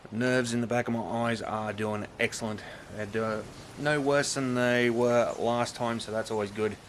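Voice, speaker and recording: A man's voice: mid-range voice, steady tone, moderate pace, slight background noise. A man vlogging in a chatty, rambling way, swearing casually as he talks to his viewers. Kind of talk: casual vlog chat to camera.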